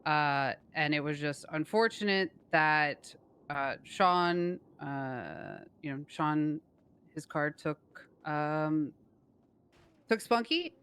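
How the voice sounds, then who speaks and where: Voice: mid-range voice, expressive, slow, a bit bright, smooth. A person role-playing a gang member in a crime game, explaining in a hesitant, conciliatory way. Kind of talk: improvised role-play in an online crime game.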